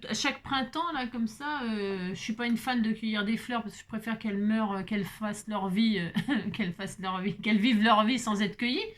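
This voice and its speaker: A woman's voice: fairly high pitch, a bit bright. A woman talking casually while making a card, chatty and self-mocking with frequent exclamations. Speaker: crafting vlogger. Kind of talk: chatty crafting tutorial.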